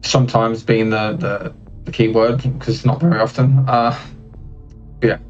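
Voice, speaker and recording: A man's voice: medium pitch, little pitch movement, a little slow, highs cut off, soft background music. A man speedrunning a game and chatting casually in a modest, self-deprecating manner. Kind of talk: casual chat while playing. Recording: distant mic, faint background noise.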